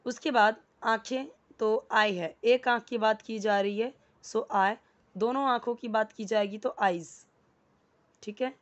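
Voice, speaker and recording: A woman's voice: on the high side, steady tone, a little slow, muffled recording. A woman teaching a casual lesson, patiently explaining and repeating words, often checking in with the listener. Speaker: English teacher.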